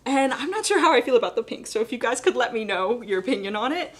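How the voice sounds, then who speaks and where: A young adult woman with a fairly high, expressive, slightly cracking voice talks quickly while teaching a live painting demonstration. As the instructor, she explains in a casual, chatty way, full of "like" and "kind of."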